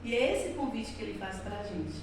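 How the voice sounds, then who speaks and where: A middle-aged woman from Salvador, Bahia, Brazil, speaks with a Bahian Brazilian Portuguese accent in a mid-range voice with lively intonation at normal speed. She gives an earnest spiritist lecture in a spiritist center hall, leaning on repetition and tag questions. The noisy recording comes from far off in an echoey hall.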